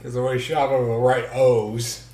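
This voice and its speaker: A man's voice: mid-range voice, little pitch movement, normal speed, a little mellow, roomy sound, slight background noise. A man playing a tabletop game who jokes and teases the others. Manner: joking, teasing. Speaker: player. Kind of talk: casual tabletop game chat.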